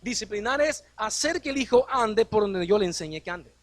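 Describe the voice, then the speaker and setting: High-voiced pastor preaching. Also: male voice, expressive, normal speed, no room sound. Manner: preaching with rhetorical questions, acting out quoted dialogue. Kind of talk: sermon.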